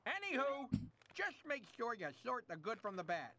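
A man's voice: extremely high pitch, huge pitch swings, normal speed, background noise, full character voice. A man voicing a nervous, eager-to-please male TV producer with a slight lisp, who stammers through video game cutscene dialogue. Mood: brisk businesslike.

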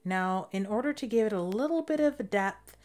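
A young adult woman giving a relaxed, step-by-step voice-over for a DIY home decor tutorial. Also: mid-range voice, moderate pace, faint music behind.

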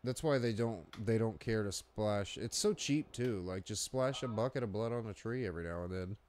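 A young man with a fairly low voice riffs through a horror movie commentary with a friend. He talks crude and loose, cracking jokes and laughing at his own lines. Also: normal speed, darkish tone, a little hiss or hum. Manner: crude, joking, laughs often. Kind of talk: casual movie commentary chat.

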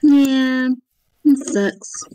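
A woman's voice: high voice, very slow, dark tone, poor audio. A woman chatting laid-back while playing a video game, teasing her friend. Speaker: gamer. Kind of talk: casual gaming chat.

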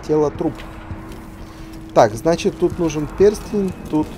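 A man's voice: fairly high pitch, animated, slow pace. A man giving casual commentary as he plays a video game. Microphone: voice-over over game audio. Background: game music.

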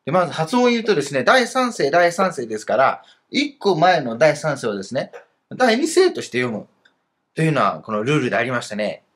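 Guy teaching grammar, kinda husky, voice bounces up and down a lot. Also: fairly high pitch, fairly quick. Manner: lively explaining with fillers. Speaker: teacher of Chinese. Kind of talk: narrated grammar lesson.

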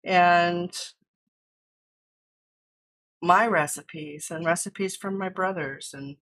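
American woman, cooking stream host, chatty and explanatory, slow easy delivery. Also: fairly low pitch, a bit bright. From United States. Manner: chatty, explains steps while cooking and answers chat. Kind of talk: casual cooking livestream chat. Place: home kitchen.

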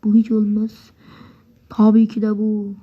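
Through a muffled, very noisy recording, a woman gamer with a mid-range voice speaks unhurriedly while commentating live gameplay. Still excitable, she swears a lot at opponents, talks to them, gets worked up, and at times falls to a whisper.

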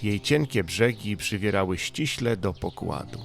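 Reading a bedtime story as an audiobook narrator, he sounds animated yet keeps a measured pace. The voice is fairly low and noticeably creaky, with music clearly audible in the background.

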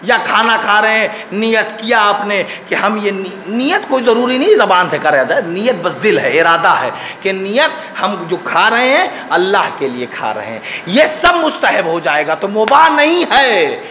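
A man with an Indian Urdu accent delivering a Muharram majlis sermon in a mosque, asking rhetorical questions and moving between soft passages and shouted peaks. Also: high voice, big pitch swings, normal speed, few pauses, a little hiss or hum. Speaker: Shia preacher. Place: mosque hall. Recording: echoey hall with long reverb.

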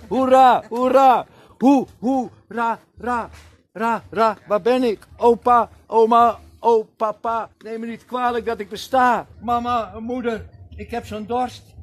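A man reciting poetry at a reading circle, theatrical, swinging between loud declaiming and soft asides. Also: very high voice, steady tone, slow pace. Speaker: poetry reader.

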